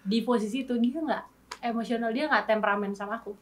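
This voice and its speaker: High-voiced woman, slightly off-mic. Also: fast talker, far from the mic. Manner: animated storytelling, acts out past arguments. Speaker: interview guest. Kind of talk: candid casual chat.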